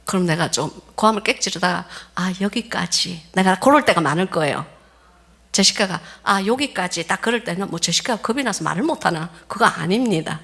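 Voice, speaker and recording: A woman pastor preaching a sermon, telling stories in an animated way and acting out the voices of the people in them. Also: lowish voice, brisk, husky. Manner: animated storytelling, laughs often, acts out quoted voices.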